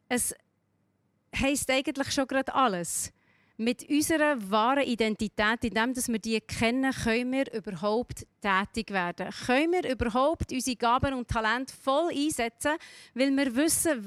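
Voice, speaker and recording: A woman's voice: on the high side, dry recording. Earnest Swiss German woman preaching. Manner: earnest, storytelling, asks the listener direct questions. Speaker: speaker giving a devotional talk. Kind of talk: sermon.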